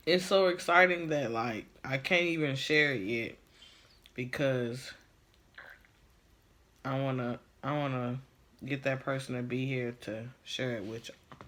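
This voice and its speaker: A man's voice: medium pitch, unhurried, long pauses, sharp tone. A man chatting casually to viewers in a slangy, laid-back way while eating, chewing as he talks. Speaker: mukbang vlogger.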